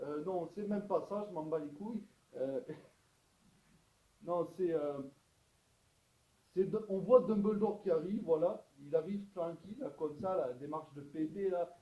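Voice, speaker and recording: A fairly high-voiced man hosts a comedic film review, rambling along with hesitations and then bursting out loudly. The recording is echoey and a bit dull and lo-fi. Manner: rambling, hesitant, with sudden loud outbursts. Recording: echoey room, dull lo-fi sound.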